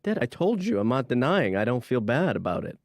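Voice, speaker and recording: A gravelly deadpan slacker son. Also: male voice, medium pitch, fairly quick, dry recording, clean studio sound. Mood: sarcastic. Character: sarcastic slacker adult son, mumbling and deadpan. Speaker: therapist's grown son. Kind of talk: animated sitcom dialogue.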